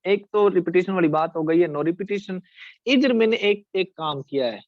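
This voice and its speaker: A man with a Pakistani Urdu accent gives a classroom lecture in a high voice, and the sound is dry and close. He often stops to ask his students whether they follow, and he draws words out slowly to show their syllables. The recording is a little dull and muffled. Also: lively intonation, no room sound. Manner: addresses students directly, checks understanding. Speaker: teacher. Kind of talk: classroom lecture on essay writing.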